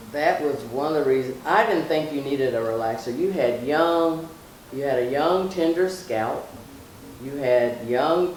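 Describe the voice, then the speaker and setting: With a deep, slightly mellow voice, a middle-aged woman guests on her daughter's vlog, recounting personal stories and giving advice in a casual, emphatic way, repeating phrases to stress them. Faint noise and strong echo come through a distant mic.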